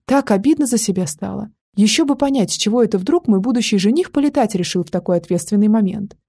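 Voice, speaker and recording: A woman narrating a first-person audiobook in an expressive, playful way. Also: medium pitch, fast, husky. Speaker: audiobook reader.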